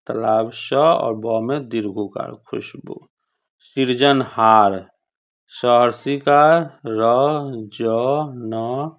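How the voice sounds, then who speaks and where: A woman with a very deep voice who speaks slowly, working through a children's workbook as their teacher. She repeats each word and keeps checking whether the class is following. The recording sounds dull and lo-fi. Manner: patient, repeats words and checks with 'okay?'. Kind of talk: explaining a school workbook.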